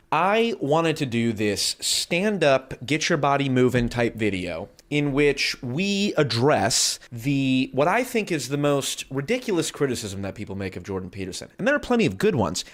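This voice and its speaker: A man delivering casual video commentary in a sarcastic, self-deprecating way. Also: mid-range voice. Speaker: video essayist.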